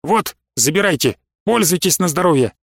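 A man voicing a touchy, indignant middle-aged male professor who is shrill and quick to snap. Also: expressive, breathy edge, no room sound, clean studio sound, full character voice. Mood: sulky.

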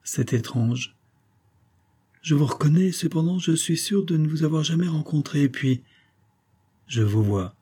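A man's voice: on the high side, a little slow, pauses often, warm tone, husky, voice pushed up. A man reading the lines of a bewildered young woman just returned from death, in an audiobook, close to his own narrating voice.

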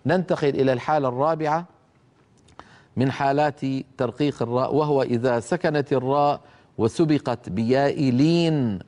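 A middle-aged man teaching Quran recitation rules, explaining a didactic poem, asking his students questions and reciting example words slowly and drawn out. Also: mid-range voice, darkish tone.

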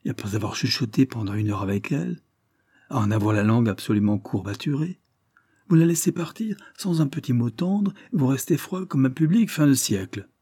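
Man doing a teasing ironic friend, bantering, husky voice, dry close mic, literary audiobook scene. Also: medium pitch, fairly quick, warm tone, dry recording. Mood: mocking.

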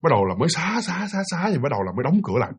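A man's voice: fairly high pitch, racing, a little hiss or hum. A man with a Southern Vietnamese accent telling a ghost story casually, talking to his listeners with many fillers. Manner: animated, filler-heavy, addresses listeners.

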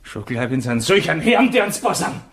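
An actor playing a bitter, proud young poacher with a high, lively voice in a 1960 radio play. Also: male voice, a little fast. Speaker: [name].

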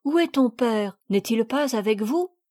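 Kind, impassioned noble lady in a storybook, read by a woman; pitched up, warm-toned. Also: lively intonation, measured pace, dry recording, clean studio sound. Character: kind, emotional noblewoman, mother. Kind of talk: audiobook character reading.

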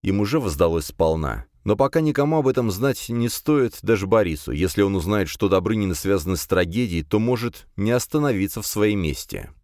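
A man narrating a fantasy audiobook in the first person with expressive, measured storytelling. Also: lowish voice, no room sound, studio quality.

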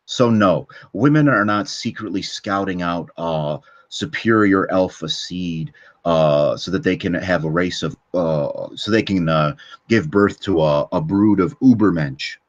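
A man with a very low voice delivers a long, rambling rant, swearing freely and stumbling through fillers and restarts. He keeps punctuating his points with a challenging "okay?". The audio is dull and lo-fi. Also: unhurried. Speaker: channel host. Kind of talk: ranting monologue. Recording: dull lo-fi recording.

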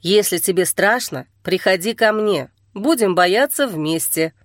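A woman reading an audiobook and voicing a calm young man who talks slowly and steadily to soothe a frightened girl. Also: medium pitch, no echo, studio quality, voice pushed down, natural voice. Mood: coaxing. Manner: slow, steady, gently coaxing.

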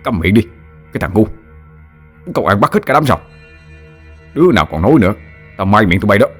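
A man's voice: lowish voice, expressive, a little fast, husky, faint music behind. A man voicing a brutal, scornful young groom who barks harsh threats in a ghost story. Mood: furious.

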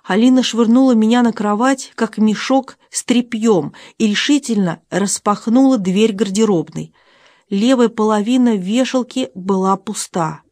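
A woman reading first-person audiobook narration in an expressive, emotional way on a close studio mic. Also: on the high side, unhurried, dry recording.

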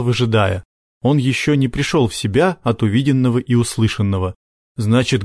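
A man narrating an audiobook with steady, even storytelling. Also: mid-range voice, dry recording, clean studio sound.

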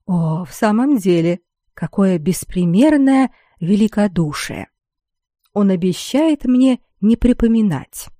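A proud young noblewoman snaps back with biting sarcasm and open defiance, as a woman reader plays her. Her voice sits warm and a little low, recorded close and dry. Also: expressive, normal speed, dry recording, lightly acted. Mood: sarcastic.

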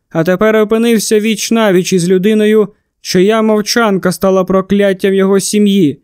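High, clear male audiobook narrator. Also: darkish tone, no room sound, studio quality. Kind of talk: first-person storybook narration.

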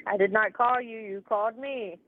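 A woman's voice: mid-range voice, steady tone, normal speed. Store clerk woman heard over the phone. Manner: confused, curt, brushing off the caller. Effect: heard over a phone line. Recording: tinny phone line, dry.

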